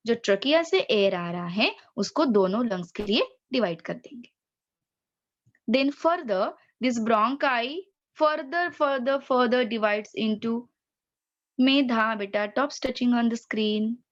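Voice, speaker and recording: A woman with an Indian accent teaches an online class, stretching and repeating key words as she explains. Her voice sits fairly high. The sound is dull and lo-fi, like a laptop mic on a video call. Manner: explains slowly, repeats key terms, mixes Hindi and English.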